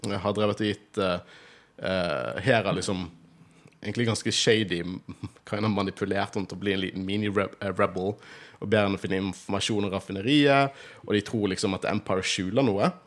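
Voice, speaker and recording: A man's voice: lowish voice, steady tone. A man with a Bergen accent, hosting a podcast in casual chat, talkative and laughing often. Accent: Bergen Norwegian. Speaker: podcast host.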